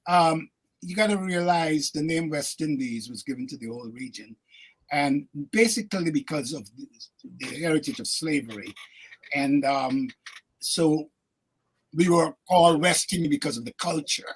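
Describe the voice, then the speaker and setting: An older man from Guyana speaks with a slightly husky, somewhat high voice. He is a guest on a radio talk show, recalling his life in a reflective way with plenty of fillers and easy laughter. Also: normal speed. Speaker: actor and guest. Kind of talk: radio interview storytelling.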